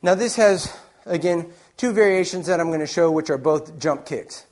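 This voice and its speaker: A taekwondo instructor and presenter with a slightly high voice demonstrates a martial arts technique, explaining it step by step in short phrases. He speaks at a moderate pace over background noise.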